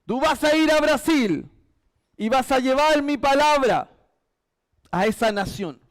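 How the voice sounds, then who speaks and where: A man's voice: extremely high pitch, animated, unhurried. A man voicing God as a firm, declaring male figure giving a call, in a sermon. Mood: commanding.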